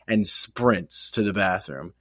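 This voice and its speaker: A man's voice: low voice, animated, slow, fairly bright tone, no room sound, studio quality. A man co-hosting a casual sports podcast, teasing his partner and swearing casually. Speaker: podcast co-host.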